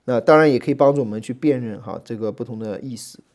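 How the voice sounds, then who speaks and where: A man gives a relaxed Greek lesson in a warm, darker voice at a middling pitch. He talks in a chatty way, full of little fillers, and drags out letters and syllables when he spells them for his students. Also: fast talker. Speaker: Greek language teacher. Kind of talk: relaxed classroom lecture.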